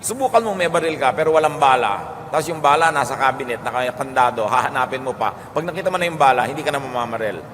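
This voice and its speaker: A man with a Filipino accent giving a calm teaching sermon, moving between Tagalog and English. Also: medium pitch, fast talker, few pauses. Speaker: preacher. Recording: long hall reverb with faint noise.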